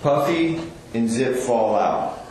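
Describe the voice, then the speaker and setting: A man questioning a suspect as a police detective, calm and methodical. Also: mid-range voice, slow, a little hiss or hum. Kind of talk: recorded police interrogation. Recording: echoey room on a distant recorder.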